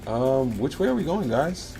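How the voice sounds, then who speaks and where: With a sing-song lilt and some vocal fry, this mid-range male voice moves at a moderate pace. The speaker, a laid-back livestreamer from Miami, Florida, USA, comments on a game live while music and game sounds play.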